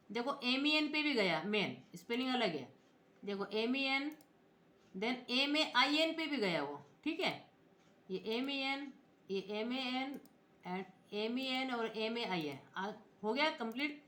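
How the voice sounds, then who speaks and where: Female computer teacher: high, bright voice, patient step-by-step explanations, echoey room sound. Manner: explains step by step, spells out letters, often checks in with viewers. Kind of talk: screen-recorded software tutorial.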